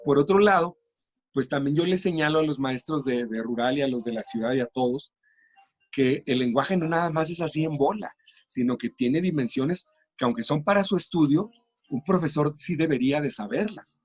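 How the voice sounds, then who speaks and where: A man's voice: on the high side, normal speed. A middle-aged man, a teacher trainer explaining classroom practice patiently in an interview.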